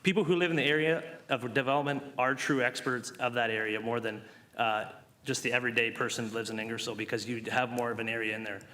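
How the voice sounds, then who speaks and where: A man chairing a town council meeting, measured and firm, calling people sir. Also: mid-range voice, flat delivery, bright, forceful tone. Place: council chamber.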